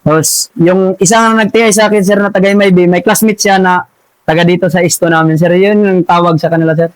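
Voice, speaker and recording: High-voiced man saying "sir" constantly. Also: steady tone, clear, resonant tone, no echo, low-quality recording. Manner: says "sir" after nearly every phrase; halting, with many restarts and repeated words. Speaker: army sergeant recounting his past as a rebel. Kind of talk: casual spoken testimony.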